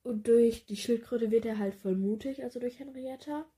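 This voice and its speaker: A woman's voice: on the high side, normal speed, dark tone. A woman chatting casually about a book and reading a passage aloud, hesitant and thinking aloud as she goes. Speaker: book vlogger.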